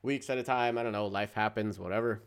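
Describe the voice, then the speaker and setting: A man's voice: lowish voice, steady tone, fast talker, clean tone. A man co-hosting a podcast in casual chat, rambling, trailing off mid-sentence and laughing often. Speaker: podcast co-host.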